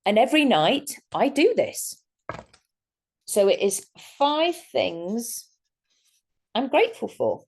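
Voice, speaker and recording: A woman's voice: on the high side, takes it slowly, pauses often. A woman hypnotist talking casually to a workshop group, acting out people's reactions as she explains techniques. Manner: animated, acts out quoted reactions.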